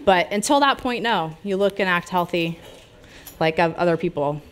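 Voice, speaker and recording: A lowish female voice at normal speed, with slight background noise in the recording. The speaker, a middle-aged American woman, gives a conversational public health talk and takes questions from a seated audience in a small brick-walled lounge, gesturing freely.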